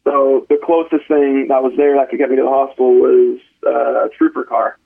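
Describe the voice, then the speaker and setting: Gravelly young man on a phone line. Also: mid-range voice, a little fast. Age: 20s. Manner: relaxed, frequent "um" and restarts. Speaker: guest, college hockey player. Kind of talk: casual podcast storytelling. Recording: phone-like narrow band.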